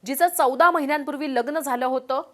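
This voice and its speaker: A woman's voice: high-pitched, a little fast. Grave woman narrating a news story. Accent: Marathi.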